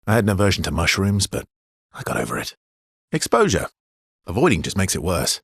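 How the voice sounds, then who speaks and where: In naturalistic game dialogue, a voice actor portrays a man who is brooding but tender, speaking low in a very husky, breathy voice that sounds close and dry. His delivery is understated, halting and intimate with a light tease, yet exaggerated, with huge swings in pitch. The mood is playful, and there is no echo.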